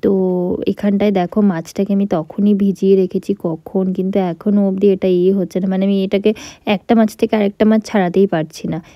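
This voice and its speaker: A woman's voice: medium pitch, fairly even intonation, fairly quick, warm tone, no echo, highs cut off. A young woman chatting casually through a home cooking vlog, explaining each step as she goes. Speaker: vlogger.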